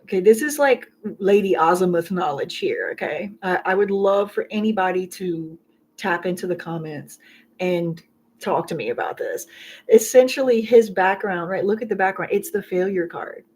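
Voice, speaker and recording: A woman's voice: medium pitch, moderate pace, a little mellow, poor audio. Emotional woman reading tarot. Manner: heartfelt, repetitive, emotional encouragement. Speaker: tarot reader. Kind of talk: live tarot reading to viewers.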